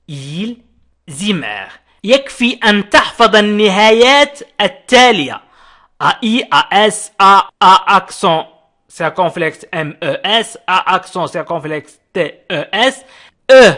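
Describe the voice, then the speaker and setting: A man teaching a French lesson, spelling out verb endings letter by letter and slowly repeating each example. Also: high voice, pushed and bright. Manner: addresses viewers directly. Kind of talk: video lesson.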